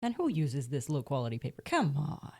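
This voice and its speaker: A woman's voice: deep voice, huge pitch swings, a little fast, vocal fry, darkish tone, husky. A woman playing a tabletop game, chatting playfully and laughing often. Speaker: player. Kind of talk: tabletop role-play chat.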